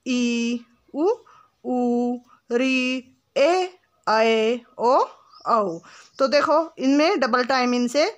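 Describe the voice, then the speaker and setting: A woman with a high voice teaches grammar in a patient classroom manner. She stretches sounds and examples out slowly. She keeps asking the students questions and then answers them herself. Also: a bit bright. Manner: asks questions and answers them herself, often adds "ठीक है"; calls the listener "बेटा", patient and instructive. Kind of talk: classroom lesson explanation.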